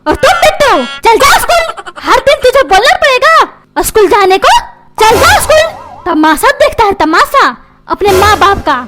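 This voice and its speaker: Nagging cartoon mother, woman voicing her, demanding, shrill and high, music behind. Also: animated, normal speed. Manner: complaining, demanding, repeats questions. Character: nagging quarrelsome mother, doting on her son. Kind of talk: cartoon comedy voice acting. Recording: background music.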